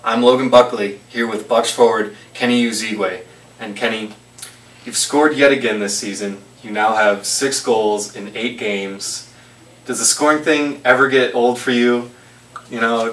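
A young man hosting a sports post-game report, asking brisk, plain questions into a handheld mic in a small office. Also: medium pitch, steady tone, a bit bright. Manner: brisk, scripted intro then plain questions. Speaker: host, interviewer. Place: small office with trophy shelves, indoors. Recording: echoey room, mic a bit far off.

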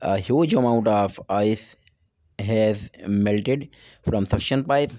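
A man's voice: fairly low pitch, slow, mellow. Pakistani-accented man giving repair instructions. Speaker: technical tutorial host.

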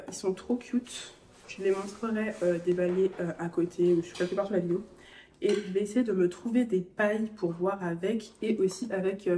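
A woman's voice: medium pitch, mellow, slight background noise. A young woman vlogging in a casual chat, talking straight to the viewer. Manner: chatty, talks straight to the viewer. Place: at home.

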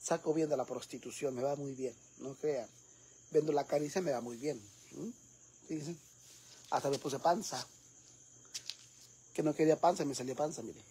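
A man's voice: on the high side, normal speed, pauses often, dark tone, a little hiss or hum, close to an everyday voice. A man with a Mexican accent playing a brash, foul-mouthed middle-aged woman who gossips with her viewers in a comic vlog. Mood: gossipy. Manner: crude, gossipy, addresses viewers as sisters.

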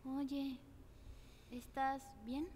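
A woman voicing a gentle, anxious young woman in a cartoon, speaking hesitantly and caringly. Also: high-pitched, flat delivery, drawn-out words, long reverb tail, slight background noise. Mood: gently reassuring. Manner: hesitant, soft-hearted.

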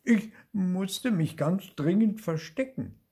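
A man's voice: sits high, animated, slow, creaky, warm tone, slightly rough, voice pushed up, heavily acted. An older man reading aloud and voicing a timid ghost girl who whimpers and stammers in fear. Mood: wailing scared. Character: timid wailing ghost girl, always scared.

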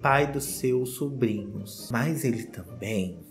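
A man's voice: mid-range voice, slow, faint music behind. Theatrical, sassy Brazilian man. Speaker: commentary video host. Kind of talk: casual gossip commentary. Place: small indoor home studio.

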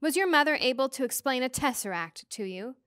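A woman voicing a wise, kindly ancient female star being who speaks gently and patiently. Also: sits high, animated, brisk, clean tone, no room sound, clean studio sound. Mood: gentle.

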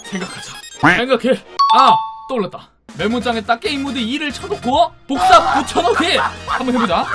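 With a high voice and a slightly fast pace, a gaming creator delivers excitable let's-play commentary, talking straight to viewers and yelping or shouting when startled. Loud music plays behind the voice.

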